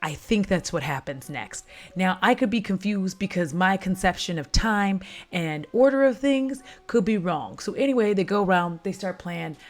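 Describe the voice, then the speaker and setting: A woman's voice: mid-range voice, animated, moderate pace. A woman casually recapping a film at home while doing her makeup, chatty and dramatic, with frequent profane asides. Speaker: vlogger retelling a film.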